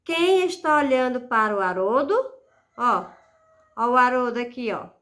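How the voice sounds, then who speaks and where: A woman's voice: on the high side, expressive, normal speed, fairly bright tone. A woman teacher giving a lesson, speaking patiently and stretching out syllables as she sounds out words. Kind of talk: recorded classroom lesson.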